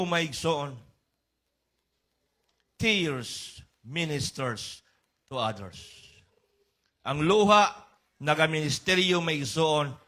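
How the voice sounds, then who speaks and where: Slow Cebuano-accented male preacher. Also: bright, forceful tone. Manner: slow preaching, mixing English and Cebuano, rising to high emphatic peaks. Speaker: pastor. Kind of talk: sermon.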